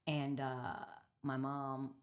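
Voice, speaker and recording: Her voice extremely low and her pace very slow, a Dominican woman in her fifties whose first language is Spanish shares her story openly as an entrepreneur guest. The interview is casual, and she brings past moments to life with animated retellings.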